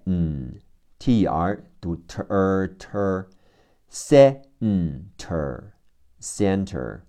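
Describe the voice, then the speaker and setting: A man with a Chinese accent leads a phonics lesson, his low, mellow voice moving at a very slow, deliberate pace. He spells out each word letter by letter and says it again and again. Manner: spells words letter by letter and repeats them slowly. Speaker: English teacher.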